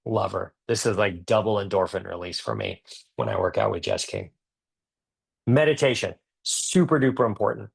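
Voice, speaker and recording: A dentist giving an energetic, joking motivational talk with emphatic delivery. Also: male voice, on the low side, moderate pace, gravelly, breathy edge. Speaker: dentist and speaker.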